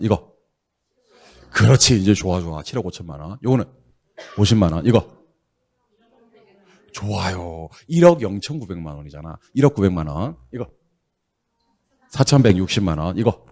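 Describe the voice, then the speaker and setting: A middle-aged man teaching a real estate exam class, drilling students on reading numbers aloud in a brisk, teasing, scolding way. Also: lowish voice. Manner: brisk, scolding, teasing, loud bursts of exasperation.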